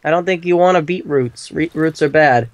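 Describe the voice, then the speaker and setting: A man co-hosting a game stream as commentator, goofy and jokey with deadpan asides. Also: on the high side, moderate pace, no echo. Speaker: co-host commentator. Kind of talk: casual let's-play chat.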